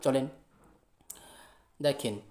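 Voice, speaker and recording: A patient Quran teacher walks learners through each letter and vowel, step by step, drawing the vowels out long when modeling the recitation. The voice sits mid-pitch, and the recording carries a noticeable echo. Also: extremely slow, darkish tone. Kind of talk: spelling out recitation lesson.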